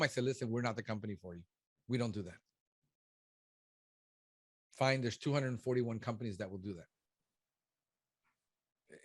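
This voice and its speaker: A man's voice: a little high, fairly bright tone, no echo, clean studio sound. A man in his fifties, a business consultant, giving blunt and emphatic one-on-one coaching. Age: 50s. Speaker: pest control business consultant.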